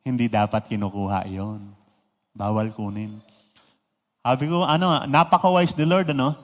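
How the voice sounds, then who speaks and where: A man preaching a sermon, lively, full of rhetorical questions and mixing in English phrases. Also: lowish voice, normal speed, big-room sound. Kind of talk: radio sermon.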